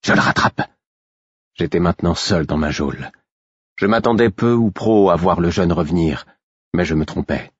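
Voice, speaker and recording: Low husky guy reading a story in first person, steady pace, dry dull lo-fi sound. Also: moderate pace, no room sound. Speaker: audiobook narrator. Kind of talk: first-person audiobook narration.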